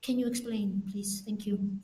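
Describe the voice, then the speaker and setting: A woman from the audience asking a panel speaker a question, measured and polite. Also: mid-range voice, steady tone, warm tone. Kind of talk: public Q&A question. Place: conference hall. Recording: echoey hall.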